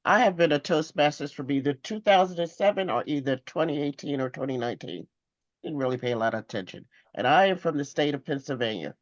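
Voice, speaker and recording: A man's voice: a little high, animated, fast talker, dry recording, muffled recording. A man introducing himself in an online meeting, offhand and rambling. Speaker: meeting participant. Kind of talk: self-introduction.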